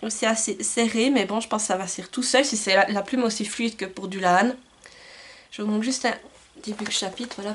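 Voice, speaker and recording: A woman book vlogger chatting enthusiastically about books she received and bought, recorded on a camcorder. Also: fairly high pitch. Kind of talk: casual book haul chat.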